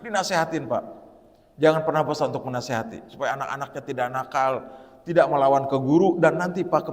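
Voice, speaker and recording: A man preaching a sermon in a mosque, lively and addressing the congregation directly. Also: mid-range voice. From West Java. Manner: animated, addresses the audience as "Pak" and quotes people in direct speech. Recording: long reverb of a mosque hall.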